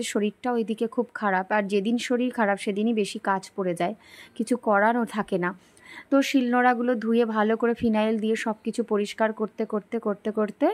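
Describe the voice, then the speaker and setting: A young woman, talking softly and slowly through a daily vlog while feeling unwell. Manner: soft, slow and low-energy. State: unwell and tired. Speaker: vlogger. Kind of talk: daily life vlog voice-over.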